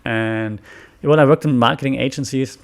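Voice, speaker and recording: A German man with a German accent hosts his own solo podcast, talking casually and rambling with frequent fillers and restarts, and he laughs often. His voice is mid-range and clean in tone, with vocal fry, and he speaks at normal speed.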